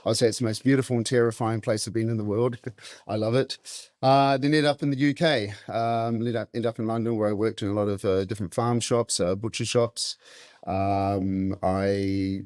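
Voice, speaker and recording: A middle-aged butcher and meat specialist with a New Zealand accent tells stories casually as an interview guest. His voice is on the low side, a little mellow and steady in tone, moving at a normal speed. The studio-quality recording has no echo.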